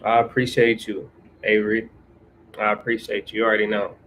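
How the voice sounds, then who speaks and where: A man's voice: fairly low pitch, flat delivery, brisk, fairly bright tone, slight background noise, rough recording. A man from California in casual livestream chat, laid-back and slangy, reading viewer comments aloud and answering them. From California, USA.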